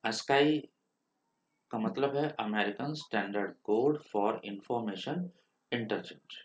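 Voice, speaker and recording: An Indian man with a slightly low voice leads a screen-recorded coding tutorial. He explains each step patiently, dropping English technical terms into his talk. Keyboard typing sounds in the background. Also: extremely slow. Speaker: programming teacher.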